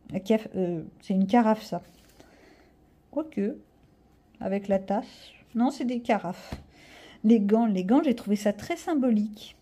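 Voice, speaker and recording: A middle-aged woman vlogger chats casually as she shows her viewers a haul. Her voice is very dark and mellow, with a husky grain, and sits a little high. She rambles and keeps teasing herself along the way. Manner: rambling, chatty, self-mocking asides. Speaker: vlogger showing a coloring-book haul. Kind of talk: casual chat to camera.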